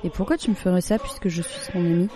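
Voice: mid-range voice, quick pace, dark tone, soft background music, lightly acted. A storyteller voicing an earnest young schoolboy in a plain, everyday tone. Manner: plain, earnest child's talk.

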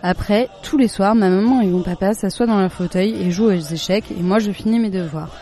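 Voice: medium pitch, fairly quick, dark tone, natural voice. A reader voicing an innocent young schoolboy who earnestly reads his school essay aloud. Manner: earnest, childlike reading aloud.

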